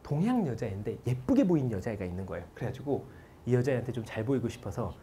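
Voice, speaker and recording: A man in his forties lectures students on how to study, his pitch leaping around as he tells stories and quizzes the room. His tone is mellow and soft-edged. A faint ambient hum sits under his voice. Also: fast talker. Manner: animated storytelling, quotes people, asks the audience questions. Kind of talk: lively motivational lecture to students.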